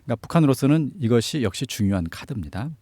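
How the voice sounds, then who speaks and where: A man's voice: mid-range voice, animated, rapid-fire, mellow, no echo. A man giving explanatory analysis as a political commentator in an interview, stressing key phrases. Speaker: news commentator on North Korea affairs.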